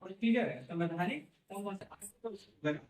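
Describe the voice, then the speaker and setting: A man's voice: high-pitched, animated, a little fast. A man teaching a class, explaining step by step and often checking in with his students. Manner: explains step by step, repeats "theek hai" and "hai na". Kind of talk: classroom lecture. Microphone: no microphone, far from the recorder. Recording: echoey classroom from far off.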